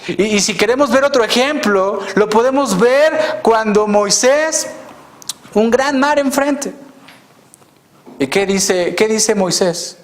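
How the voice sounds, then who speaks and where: Slow, high-voiced preaching man. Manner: earnest, reflective preaching with rhetorical questions; drops to a soft hush on key phrases. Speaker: pastor. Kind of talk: sermon.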